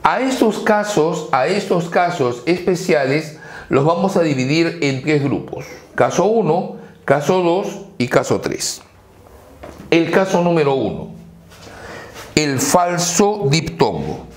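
A male teacher lecturing slowly, stretching out example words and letting his voice rise and fall widely. He asks questions and answers them himself. The sound is roomy and echoey. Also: fairly high pitch, expressive. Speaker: language teacher. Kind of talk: exam-prep lecture. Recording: echoey room.

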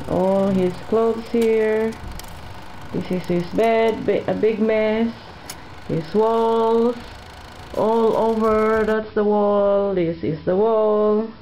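A middle-aged mother walks through her house with a camcorder, naming each room and pointing things out one by one in a halting, casual way. Her voice is mid-range and warm. The built-in camcorder mic gives echoey audio with a little hiss or hum and music over it.

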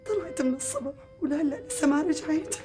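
A woman's voice: high voice, expressive, quick pace, warm tone, faint music behind. An actress playing an anxious middle-aged Damascene mother with a Damascene accent, speaking in a fearful, pleading way. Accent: Damascene Arabic.

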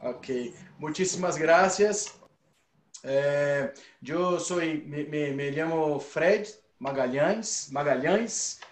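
A middle-aged man with a Brazilian Portuguese accent, a native Portuguese speaker, presenting informally in halting Spanish mixed with Portuguese, searching for words. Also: on the high side. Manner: speaks slowly and deliberately. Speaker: musician and performing arts teacher. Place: small indoor room full of percussion instruments. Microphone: video call, a little away from camera. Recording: roomy, echoey video call.

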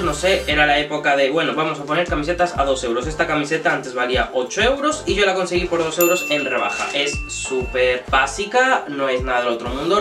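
Young man, slightly high voice, chatty animated haul vlogger, echoey room with music behind. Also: recorded from a distance. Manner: chatty, animated, jokey asides. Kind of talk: casual haul vlog. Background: background music.

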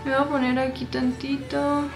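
Mexican girl in her 20s rambling through a makeup vlog, high voice, roomy echo, music behind. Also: level tone, moderate pace, creaky. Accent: Mexican Spanish. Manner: chatty, rambling, self-deprecating asides. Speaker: vlogger. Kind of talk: casual makeup vlog chat. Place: small bedroom, indoors.

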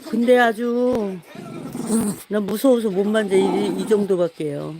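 A woman talks casually on a live stream, trying to get her pet dog to come over to be washed. Her mid-range voice is steady, unhurried and mellow, though the recording is rough. She keeps repeating her coaxing in a sing-song way and laughs often.

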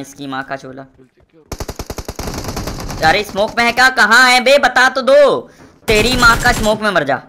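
A man's voice: sits high, a little hiss or hum. A young man giving live gameplay commentary, boastful and swearing at opponents while calling out to teammates. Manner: excitable, shouting out calls to teammates. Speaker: gaming streamer.

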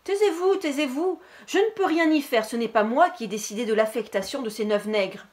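A woman voicing a flustered female teacher who strains to quiet a rowdy class. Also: expressive, a little fast, close to an everyday voice. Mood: strained. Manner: shrill, strained, raised voice.

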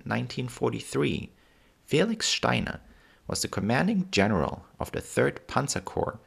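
A husky man with a German accent narrates scripted history. His pitch moves in lively swings, and his w sounds come out as v. The voice sits on the low side. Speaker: history channel host.

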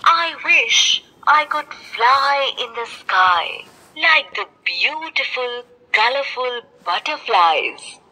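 A woman's voice: sits high, lively intonation, slow pace, sharp tone, slightly rough, full character voice, low-quality recording. A woman reading a young butterfly, eager and curious. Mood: wistful, curious.

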